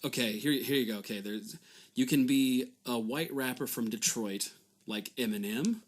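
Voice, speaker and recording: A man co-hosting a casual comedy chat, rambling with stammered restarts and sudden excited jumps in pitch. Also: moderate pace. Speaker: comedy podcast co-host.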